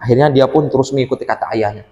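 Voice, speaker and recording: A man telling a story to children at church in an animated, gently reassuring manner. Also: mid-range voice, very fast, highs cut off. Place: church hall. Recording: echoey hall.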